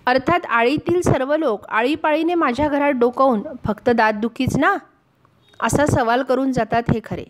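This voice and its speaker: A woman teaching a lesson in a high voice. She reads a humorous passage aloud and then stops to explain it in simple words. Her tone is that of a teacher. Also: normal speed, hardly any pauses. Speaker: Marathi teacher.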